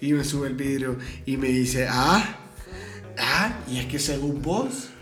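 A man's voice: medium pitch, takes it slowly, a bit bright. A man, co-hosting a podcast and telling anecdotes in casual chat, laughing often. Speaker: podcast co-host. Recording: echoey room with faint music.

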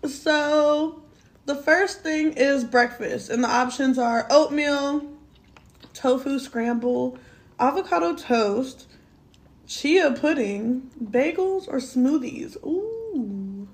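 A woman's voice: sits high, slow. A young woman co-hosting a podcast in casual chat, laid-back, laughing often and swearing casually. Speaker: podcast co-host.

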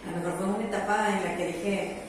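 Chatty young mexican woman musing out loud, echoey and a bit distant. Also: mid-range voice, steady tone, quick pace. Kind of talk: casual chat. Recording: roomy echo, far from mic, faint noise.

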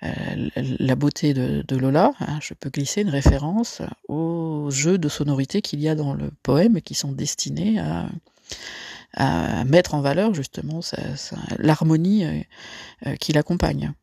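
A man teaching a literature lesson, slightly high-pitched and gravelly, stopping and restarting often as he explains. The sound is dry and close, with no room echo. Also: unhurried, warm tone. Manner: hesitant, many fillers and restarts, explanatory. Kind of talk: recorded lesson correction for students.

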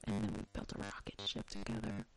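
A young adult man co-hosting a podcast, an expressive storyteller in casual chat. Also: lowish voice, fast, clean tone, faint music behind, rough recording. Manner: expressive storyteller, acts out quoted voices. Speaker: podcast co-host.

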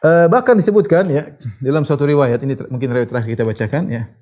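A man's voice: medium pitch, lively intonation, fast talker, a little mellow. A man giving a storytelling religious lesson. He reads Arabic narrations, retells them in casual speech and acts out the characters' lines. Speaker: religious teacher.

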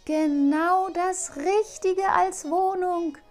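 A woman's voice: very high-pitched, steady tone, extremely slow, a little mellow, soft background music, pitched above the performer's own voice, full character voice. A woman voicing a cheeky little male goblin in a storybook, talking in a secretive, conspiratorial way. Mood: sly. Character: cheeky male goblin prankster, small and sly.

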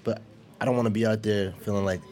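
A man in his late twenties hosting a podcast, chatting casually with quick restarts and repeated words. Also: on the low side, steady tone, darkish tone. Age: 20s. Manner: fast, repetitive restarts, friendly. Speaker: podcast host. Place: event space.

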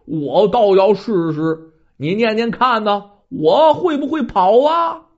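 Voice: mid-range voice, animated, takes it slowly, highs cut off. A storyteller voicing a fierce, mocking male ghost who laughs and taunts. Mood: taunting.

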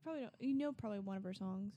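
A woman's voice: medium pitch, rapid-fire, warm tone, highs cut off, slight background noise. A young woman guest on a podcast, chatting playfully and giggling with her friends. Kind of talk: casual chat.

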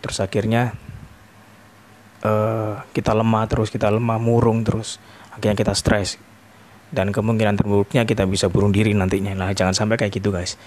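A man giving a casual devotional talk in an informal way, calling his listeners "guys" and often pausing with "eh". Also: lowish voice, flat delivery, a little mellow. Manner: informal, addresses listeners as "guys", frequent "eh" hesitations.

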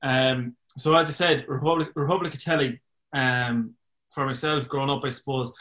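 A man's voice: mid-range voice, fairly even intonation, moderate pace, fairly bright tone. An Irish man aged twenty, hosting a podcast and asking questions in a casual interview style. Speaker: podcast host.

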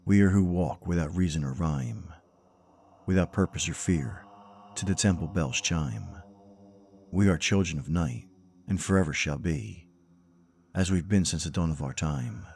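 A man's voice: deep voice, a little slow, pauses often, a little mellow, husky, exaggerated voice. A man voicing a proud, fearless pale night creature, reciting spooky verse in a solemn, incantatory manner. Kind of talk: spooky poetry recital in rhyme.

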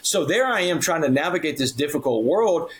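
A man's voice: a little high, very animated, brisk. A man on a podcast as a guest speaker, telling his story in earnest and acting out the dialogue he quotes. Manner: earnest, acts out quoted dialogue, addresses host by name. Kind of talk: storytelling in a conversational interview.

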